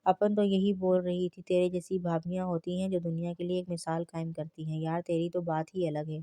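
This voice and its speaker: A woman's voice: lowish voice, flat delivery, mellow, dry recording, natural voice. A woman voicing a brash young woman who banters in cheeky street slang in a read-aloud novel. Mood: teasing.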